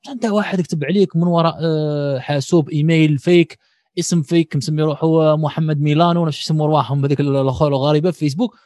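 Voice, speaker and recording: A man with an Algerian accent making his points in an animated, argumentative casual discussion, piling up everyday examples. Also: fairly high pitch, racing, no echo. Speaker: discussion participant.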